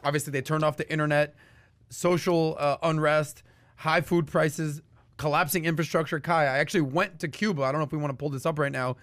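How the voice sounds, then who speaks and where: A man from Miami co-hosting a podcast, talking in an animated, talkative way. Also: fairly high pitch, a little fast, no echo. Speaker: podcast co-host. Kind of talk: casual podcast talk.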